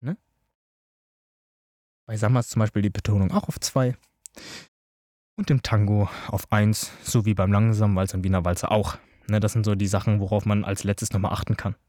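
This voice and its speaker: Chatty man teaching dance, dark voice. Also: lowish voice, fairly even intonation, a little fast, pauses often, no room sound, studio quality. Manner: chatty, filler-heavy, addresses listeners directly. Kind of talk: informal spoken tutorial.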